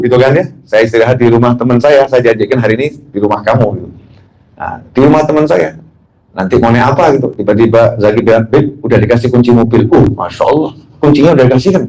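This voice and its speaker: A man's voice: mid-range voice, quick pace, darkish tone, rough recording. A man preaching as a habib, telling anecdotes, joking and asking the audience questions. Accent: Indonesian. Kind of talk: religious talk.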